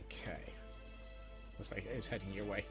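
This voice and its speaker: A man's voice: fairly low pitch, level tone, moderate pace, over music. A man from Scotland chatting casually on a live gaming stream, joking along with viewers and answering their questions. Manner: chatty and jokey, answering chat.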